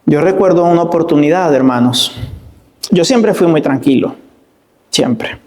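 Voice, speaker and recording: Man, guest pastor, high-pitched, storytelling preacher who drags out his emphasis. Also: measured pace, a little mellow. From Venezuela. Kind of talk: sermon.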